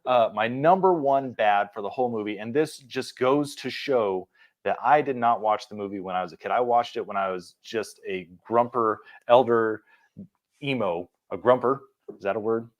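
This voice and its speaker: A man's voice: normal speed, muffled recording. A man co-hosting a casual movie podcast, laughing often and joking about himself. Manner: laughing, self-mocking, jumps in pitch for quoted voices. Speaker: podcast co-host.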